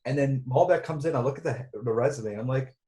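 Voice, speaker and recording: A man reminiscing in a loose, rambling way, often restarting his sentences. His voice has a middling pitch. The recording is roomy and echoey. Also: fast talker, warm tone. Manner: rambling, many restarts and fillers. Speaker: director and writer. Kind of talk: casual reunion chat. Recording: roomy echo.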